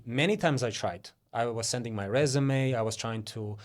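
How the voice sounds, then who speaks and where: A man's voice: medium pitch, normal speed. A Croatian-born man talking casually as an interview guest, with many fillers and restarts.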